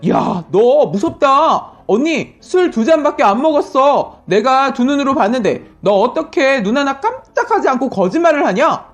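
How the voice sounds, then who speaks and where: A woman's voice: high-pitched, big pitch swings, normal speed, few pauses, faint music behind. A woman voicing a scornful younger sister-in-law who accuses someone of lying in a storybook reading. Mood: accusing.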